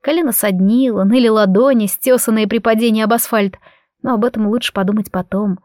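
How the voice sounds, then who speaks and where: A woman reading a first-person audiobook story in an expressive, emotional way. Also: a little high, brisk, no echo, clean studio sound. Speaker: audiobook narrator.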